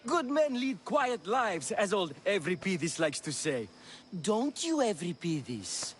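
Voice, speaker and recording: A man's voice: high voice, sing-song, slow, slight background noise, full character voice. An actor playing a teasing, theatrical male comic playwright in a video game. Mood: mocking. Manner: teasing, theatrical, loves his own jokes. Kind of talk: video game character dialogue.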